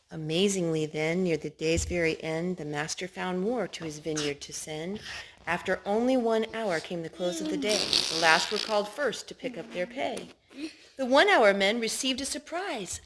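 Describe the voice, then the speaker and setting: Using a mid-range voice, a woman brings picture books to life for young kids, emphasizing key words and coaxing them with questions.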